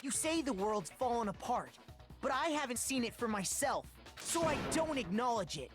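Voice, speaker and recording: A woman's voice: on the high side, sing-song, normal speed, over music. A woman playing an earnest, defiant teenage schoolboy hero in a video game, indignant and emphatic. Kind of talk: English video game voice acting.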